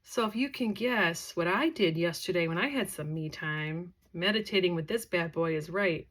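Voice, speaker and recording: A woman's voice: fairly low pitch, moderate pace, fairly bright tone. A tired young woman, a psychic medium, chatting casually to camera about a crystal. She rambles and wanders off on tangents, with many fillers. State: tired, yawning.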